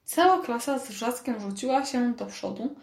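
A woman narrating a children's storybook in a lively, expressive reading, recorded with a roomy echo. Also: fairly high pitch, moderate pace, creaky. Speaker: audiobook narrator.

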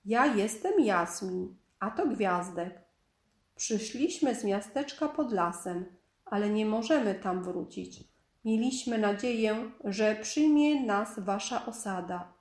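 A woman's voice: medium pitch, animated, takes it slowly, a little mellow. Woman voicing a brave little girl. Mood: earnest. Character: brave gentle young girl. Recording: echoey room.

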